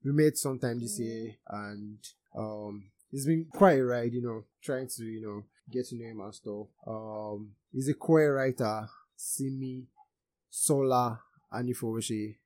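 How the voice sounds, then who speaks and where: A man's voice: mid-range voice, steady tone, unhurried, darkish tone. A young man with a Nigerian Yoruba accent hosting a casual podcast. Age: young adult. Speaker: podcast host.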